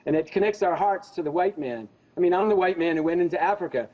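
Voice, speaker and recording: An American genocide investigator appears as a news interview guest, delivering opinionated commentary in an emphatic, accusatory, insistent manner. He has a high voice and talks fast, captured in dull, lo-fi audio.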